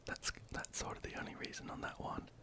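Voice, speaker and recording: An ASMR creator, whispering softly and hesitantly while answering viewer questions into a close microphone. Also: brisk. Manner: soft, hesitant, many ums and restarts.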